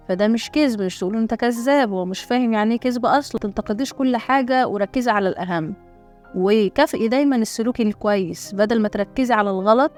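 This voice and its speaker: Fast-talking Egyptian woman coach. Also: mid-range voice. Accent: Egyptian Arabic. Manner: gentle, explanatory, acts out calm talks with a child. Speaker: parenting coach. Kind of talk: spoken parenting lesson.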